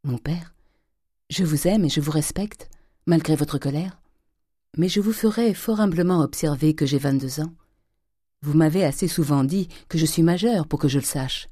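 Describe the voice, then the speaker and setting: A reader voicing a calm, stubbornly defiant young woman who answers in a measured, firm way. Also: mid-range voice, dry recording, studio quality, lightly acted. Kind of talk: audiobook character reading.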